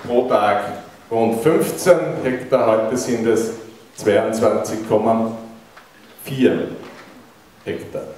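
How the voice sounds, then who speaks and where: A man's voice: medium pitch, darkish tone, a little hiss or hum. A middle-aged man with an Austrian accent gives a keynote lecture into a handheld mic in a large university lecture hall, putting questions to the audience. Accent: Austrian German. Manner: engaging, asks the audience questions. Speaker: keynote speaker. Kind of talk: public lecture. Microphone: handheld mic, recorded by a far camera. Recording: echoey lecture hall from far off.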